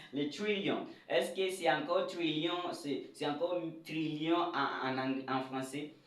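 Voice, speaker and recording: A man teaching an English lesson at a board in a lively, questioning way, drilling words aloud. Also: on the high side, slow pace. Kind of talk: whiteboard lesson for French speakers. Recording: echoey room, voice a bit far from the mic.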